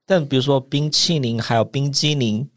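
A man's voice: mid-range voice, moderate pace, no room sound, studio quality. A man from southern China, co-hosting a casual chat and giving rambling explanations. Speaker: podcast co-host.

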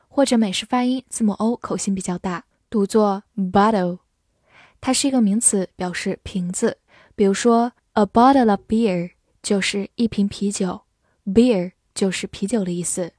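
A young woman teaching English vocabulary in a scripted lesson, spelling each word letter by letter and reading example sentences slowly. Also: medium pitch, a little mellow, no echo, clean studio sound.

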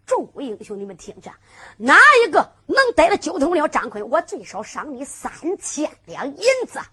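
A woman's voice: a little high, very animated, moderate pace, breathy edge, full character voice. A woman voicing an arrogant, scheming male bandit chief in a storytelling performance. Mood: commanding. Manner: gloating, commanding.

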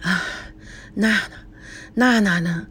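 A frail old grandmother speaks weakly and in halting bits, fond of her family, as a storyteller puts her on. The voice is slightly husky and rises when she is pleased. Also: mid-range voice, bright, forceful tone, exaggerated voice. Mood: faint. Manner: weak, halting speech.

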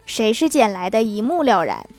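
Woman podcast host reading listener jokes, playful, laughs a lot, kinda high voice. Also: big pitch swings, moderate pace, a little mellow. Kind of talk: casual comic show reading.

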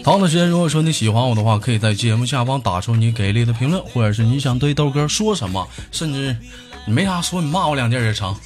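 A man with a Northeastern Mandarin accent hosts a comic podcast, tossing out teasing remarks between his stories. His voice sits at an ordinary pitch. Music plays clearly under him the whole time. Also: animated, quick pace. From Northeast China. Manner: jokey, teasing asides. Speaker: host. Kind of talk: comedic joke podcast.

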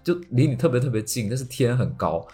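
A man's voice: mid-range voice, very animated, fast talker, mellow. A man on a podcast telling a childhood story in a casual, rambling way, often repeating his words. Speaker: podcast co-host.

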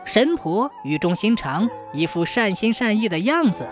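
A woman reads a ghost story in a measured, suspenseful way. Her pitch moves a lot and stays mid-range. Faint music plays beneath her. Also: big pitch swings. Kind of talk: scripted ghost story narration.

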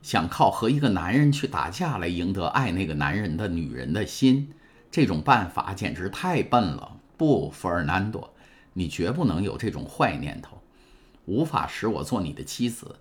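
A man's voice: deep voice, sing-song, moderate pace. A man reading an audiobook, voicing a devoted, steadfast young woman in an earnest, pleading way.

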